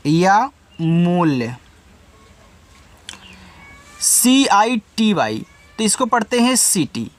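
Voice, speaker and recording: A man teaching beginners to read, patiently spelling words out letter by letter and speaking directly to the student. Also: sits high. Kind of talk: spelling and reading lesson for beginners.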